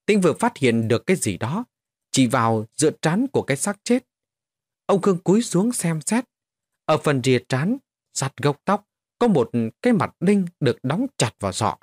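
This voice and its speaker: A man narrating a scripted horror story with an expressive, lively delivery. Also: a little high, normal speed, dry recording. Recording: dry voice over faint music.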